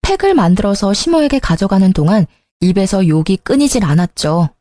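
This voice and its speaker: A woman's voice: mid-range voice, very animated, brisk, mellow, dry recording, studio quality. A woman narrating a first-person family story in a chatty, confiding way.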